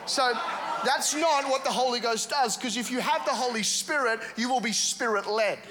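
A man preaching at a revival service, telling funny stories with quick asides and bursts of shouting. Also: very high voice, background noise. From England. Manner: humorous, animated storytelling with quick asides. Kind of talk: sermon. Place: church service with congregation.

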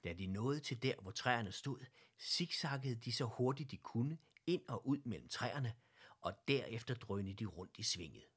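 A man with a Danish accent narrating a children's storybook in a gentle, even way. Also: medium pitch, slightly rough.

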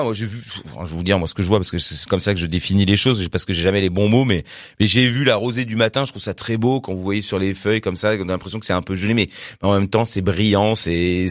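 A male music radio host talks loosely and warmly about the next track, full of hesitations and small laughs. His pitch leaps about in a lively way. The sound is dry and close, with no room echo. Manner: chatty, rambling, with fillers and laughs. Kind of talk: casual radio presenting.

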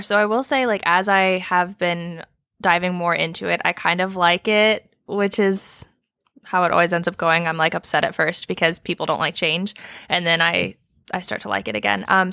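A woman with a Midwestern accent co-hosting a podcast, explaining things in a relaxed, rambling way with many fillers over a remote call microphone. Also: on the low side, smooth, no echo, studio quality. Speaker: podcast co-host. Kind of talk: casual podcast chat.

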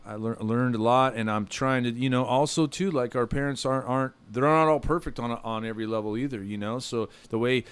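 A man's voice: mid-range voice, fairly even intonation, fairly quick, few pauses, clean tone. A man hosting a podcast, chatting in a laid-back, slangy way with lots of fillers. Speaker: podcast host. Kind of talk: casual chat.

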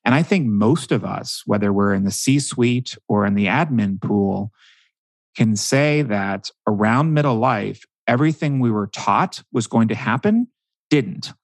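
A man with a somewhat low voice talks as a guest expert on a podcast. He tells his points as animated stories and fills his pauses with frequent ums. The recording is dry and close, with almost no room sound. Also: no echo. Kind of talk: podcast interview.

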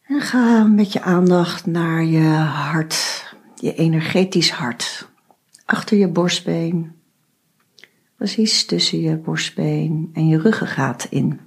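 A woman guiding a meditation, giving slow, soft instructions with long pauses. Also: low voice, breathy edge. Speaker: meditation guide. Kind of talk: guided meditation.

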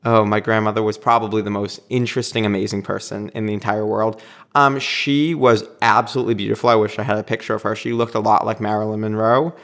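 Man, Boston accent, lowish voice, interview guest, thoughtful, pauses a lot. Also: little pitch movement, fairly bright tone. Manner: thoughtful, pauses often with filler words. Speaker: podcast guest. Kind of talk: casual reflective interview talk.

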